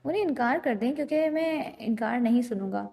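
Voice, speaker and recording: A woman voicing a stern, brooding young man who speaks calmly but commands. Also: a little high, gravelly, long reverb tail. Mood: firm.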